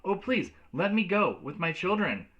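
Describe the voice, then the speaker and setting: A man's voice: on the high side, fairly quick, highs cut off, natural voice. A man voicing a frightened, urgent mother calling out in a children's storybook. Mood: pleading, desperate. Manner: urgent, pleading calls.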